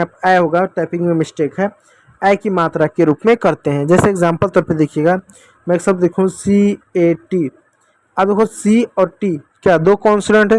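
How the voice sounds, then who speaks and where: A man's voice: high voice, a little mellow, no echo. A man teaching children English phonics, patiently asking questions and answering them himself. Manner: repeatedly addresses kids as dear children.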